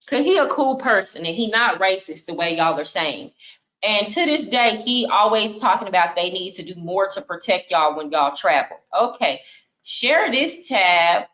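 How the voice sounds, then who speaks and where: A woman's voice: mid-range voice, lively intonation, normal speed, a bit bright, echoey room, poor audio. A young woman, streaming and commenting bluntly on clips in casual talk. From United States. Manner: blunt, scolding, talks over clips.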